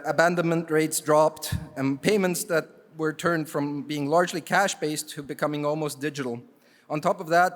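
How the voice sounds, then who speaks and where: Pausing on fillers as he goes, the relaxed jury chair from Canada hands out awards with wry asides in a slightly high voice. A long hall reverb trails every phrase carried by the stage microphone.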